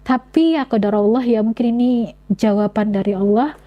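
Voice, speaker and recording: A young woman giving an earnest personal testimony, speaking in halting phrases with many restarts. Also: on the high side, lo-fi sound. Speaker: convert sharing her story.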